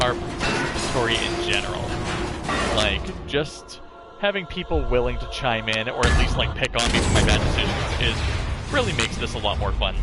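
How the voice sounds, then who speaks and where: Chatty male game streamer, music behind him. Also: medium pitch. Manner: chatty, thinking aloud while playing. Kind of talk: casual live game-stream commentary.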